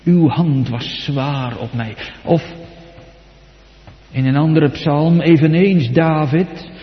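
A man preaching a sermon in a solemn cadence, his voice swelling loud and high for quoted psalms and sinking low and soft in between. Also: slow pace. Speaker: pastor. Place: church. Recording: dull sound with long church reverb.

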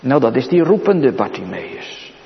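A man preaching a sermon to his congregation, solemn, rising to exclamations and dropping to hushed pleading. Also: medium pitch, very animated, a little slow, vocal fry, slight background noise. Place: church. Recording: dull recording with long church reverb.

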